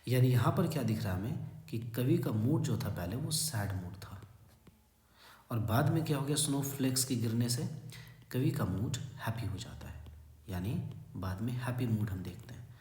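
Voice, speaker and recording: A man teaching a poem in a mix of Hindi and English, explaining it step by step. His voice sits at an ordinary middle pitch, and he often sinks to a soft near whisper as a phrase ends. The recording picks up a noticeably echoey room. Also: expressive, moderate pace.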